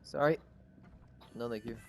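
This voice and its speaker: A man's voice: mid-range voice, measured pace, creaky, a little mellow. A man giving casual, offhand gameplay commentary, thinking aloud as he plays. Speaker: gamer commentating on play. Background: game music.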